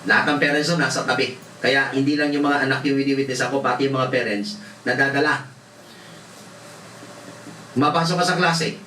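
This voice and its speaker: A man's voice: mid-range voice, little pitch movement, quick pace, pushed and bright. A male pastor from the Philippines preaching a sermon, telling stories with laughter and mixing in English. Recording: roomy hall, voice from far off, faint noise.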